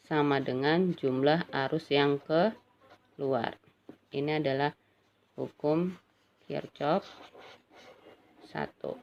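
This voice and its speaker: Woman, low voice, casual physics lesson, chatty, faint background hiss. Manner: chatty, addresses students as "Nak", frequent "ya kan". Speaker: physics teacher. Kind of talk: casual classroom lecture. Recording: dull lo-fi recording with faint ambient noise.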